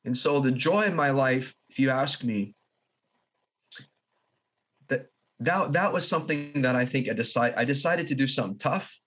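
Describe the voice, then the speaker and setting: A man who is a guest in an interview, telling a long personal story in an earnest, halting way with restarts and soft laughs. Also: mid-range voice, slight background noise. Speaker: podcast guest.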